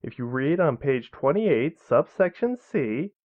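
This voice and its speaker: A man's voice: mid-range voice, big pitch swings, unhurried, phone-quality sound, voice pushed up. A man voicing a cool, condescending male corporate representative.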